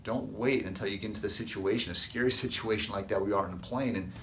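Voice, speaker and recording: A man's voice: fairly low pitch, fast talker, fairly bright tone, echoey room, slight background noise. A chiropractor in his thirties casually telling rambling personal anecdotes to his patients. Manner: folksy, rambling anecdotes with restarts. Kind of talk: casual storytelling to camera.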